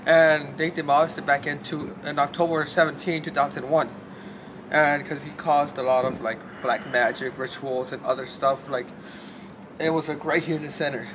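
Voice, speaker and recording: Here a young man speaks at a normal speed in a slightly high, steady voice, chatting loosely to camera with lots of cursing and fillers. He's shaking from the cold during this casual vlog, which a friend records handheld on a city street and then in a hotel room, with noisy ambience throughout.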